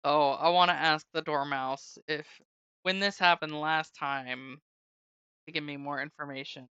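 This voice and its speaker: A woman playing in a tabletop game, eager and quick to laugh. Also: deep voice, steady tone, bright, forceful tone, clean tone, no echo, lo-fi sound. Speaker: player. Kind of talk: casual tabletop play.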